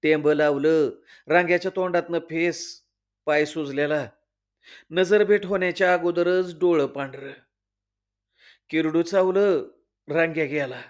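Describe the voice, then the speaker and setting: A man narrating a folk story in a slow, dramatic telling. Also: on the high side, steady tone. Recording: dull lo-fi recording.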